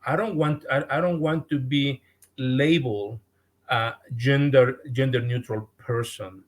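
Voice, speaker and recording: A man with a Mexican accent, a guest on a podcast, speaking earnestly and haltingly, often repeating words as he restarts. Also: medium pitch, steady tone. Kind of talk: podcast interview.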